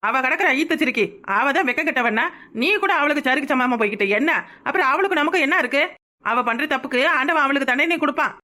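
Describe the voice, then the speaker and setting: A woman's voice: high-pitched, fast talker, bright, forceful tone. A woman voicing a practical younger village woman who keeps reassuring her elder, with a Kanyakumari Tamil accent. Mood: coaxing. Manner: coaxing, reassuring.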